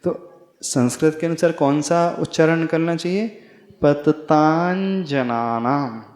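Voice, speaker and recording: A man, a monk, teaching the pronunciation of a devotional hymn to a gathering, spelling out sounds slowly and asking his listeners whether they have understood. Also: a little high, steady tone, a little mellow. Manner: slow, deliberate, spells out pronunciation and quizzes the audience. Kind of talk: devotional recitation lesson. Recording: echoey hall with long reverb.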